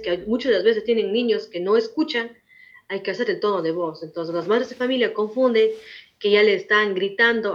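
A woman in her forties, a veteran teacher, answering interview questions in a firm, repetitive, explaining manner. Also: medium pitch. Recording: muffled lo-fi recording.

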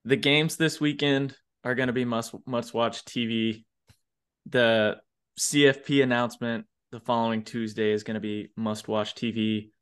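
A man's voice: mid-range voice, steady tone, moderate pace, fairly bright tone, clean tone. A man co-hosting a casual sports podcast, talking emphatically as he makes his points. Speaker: podcast co-host.

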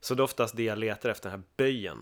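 Podcast guest, man from Sweden, animated storyteller who slips into other people's voices. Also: on the low side. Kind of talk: casual podcast chat.

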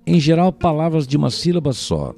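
This recorded language lesson features a man with a Brazilian Portuguese accent whose slightly high voice is sing-song, gravelly, dark-toned, and a little fast. As a teacher, he explains patiently and often checks in with "né?", with soft music behind him.

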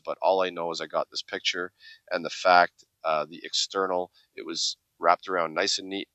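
A man giving a plainspoken, steady talk presenting a product. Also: low voice, no room sound. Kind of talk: promotional talk. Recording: dry, slightly muffled sound.

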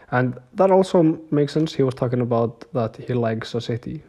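A young man keeps a casual video diary, speaking straight to his viewers at a middle pitch. He rambles through his stories, leans on filler words and laughs now and then. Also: darkish tone. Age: young adult. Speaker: vlogger.

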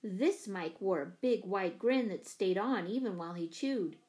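A woman narrating a children's novel in a clear, measured storytelling manner. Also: mid-range voice, expressive, warm tone, low-quality recording. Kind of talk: audiobook narration.

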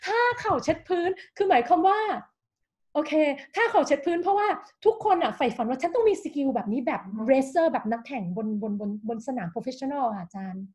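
High-voiced woman explaining with conviction. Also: brisk. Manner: lively, persuasive, checks in with "right?" often. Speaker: guest, managing director of a design firm. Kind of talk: explanatory interview talk.

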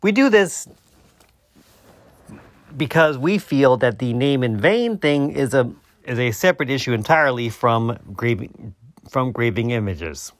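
A man hosting a solo debunking podcast, explaining his points haltingly and often rewording himself mid-sentence. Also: mid-range voice, expressive, dry recording. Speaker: podcast host.

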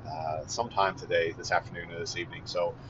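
A man giving a casual, earnest update, halting with many fillers and restarts. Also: low-pitched, flat delivery. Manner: earnest and relieved. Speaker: vlogger giving a family update. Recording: dull lo-fi audio with faint vehicle noise.

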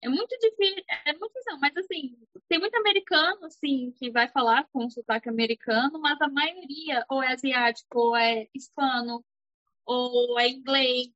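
A woman from Brazil, a podcast guest, explaining calmly with small pauses and restarts. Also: high voice, no echo, dull audio. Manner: explains calmly, trails off between words. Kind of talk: casual explanation. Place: living in California.

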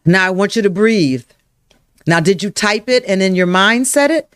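A workshop leader running a live self-help session, speaking to viewers by name, repeating affirmations slowly and guiding breathing exercises. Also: mid-range voice, animated, a bit bright, clean tone, no room sound, studio quality. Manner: slow, emphatic, repeats affirmations and guides breathing. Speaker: emotional wellness workshop leader.

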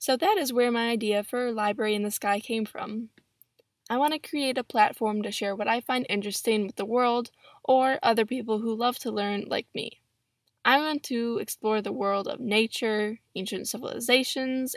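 The teenage podcast host, age 17, has a fairly high voice and speaks at a normal pace. She chats solo into a built-in laptop microphone from a pillow-lined closet, and the recording comes out dry and studio-clean.

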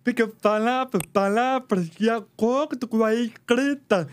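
Brazilian man, guest, strikingly high and clean voice, careful word-by-word delivery. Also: clear, resonant tone. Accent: Brazilian Portuguese. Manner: slow, careful, deliberate articulation. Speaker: interview guest. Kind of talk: personal story in conversation.

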